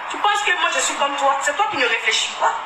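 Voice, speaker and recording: Combative, sarcastic woman, high voice, distant mic, echoey noisy room. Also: lively intonation, fast. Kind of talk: heated live argument.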